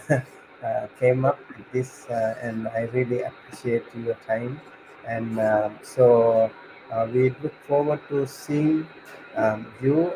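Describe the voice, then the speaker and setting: A man hosting an online Buddhist session, speaking unscripted and courteously, with very frequent hesitations. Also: medium pitch. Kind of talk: unscripted, courteous closing remarks. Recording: hissy, clearly noisy background.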